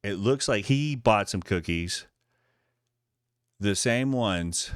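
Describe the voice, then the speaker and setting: Low-voiced man narrating a short film. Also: expressive, slow pace, dry recording, clean studio sound. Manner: narrates the woman's thoughts in playful quoted voices, laughing often. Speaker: composer breaking down his film score.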